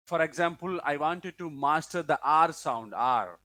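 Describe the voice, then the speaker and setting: A man's voice: fairly high pitch, lively intonation, measured pace, sharp tone. A man who is not a native English speaker, answering interview questions in a hesitant way with restarts.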